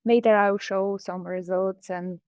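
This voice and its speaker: A woman's voice: medium pitch, fairly even intonation, unhurried, darkish tone, no echo, studio quality. A woman from Bulgaria who co-founded a startup, presenting in a webinar in a hesitant way with frequent fillers.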